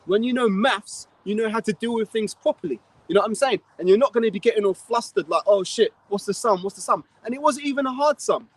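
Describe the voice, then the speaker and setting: A man's voice: very high-pitched, fast, few pauses, dry recording, poor audio. A man with a London accent, preaching outdoors and telling a long anecdote, blunt and profane. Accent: London English. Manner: blunt, profane, rambling storyteller. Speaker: street preacher. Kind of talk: outdoor religious talk, anecdote. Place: outdoors in a city street.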